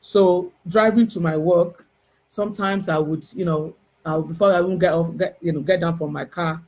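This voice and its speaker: A woman with a Nigerian Yoruba accent telling a personal spiritual testimony in an emotional, halting way, full of restarts and fillers. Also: on the low side, fairly even intonation, darkish tone. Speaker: spiritual herbalist.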